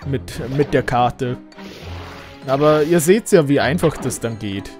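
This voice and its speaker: A man giving relaxed, chatty commentary while playing a video game. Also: mid-range voice, unhurried, faint music behind. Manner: relaxed, chatty, frequent laughs. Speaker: let's play host. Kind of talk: casual gameplay commentary.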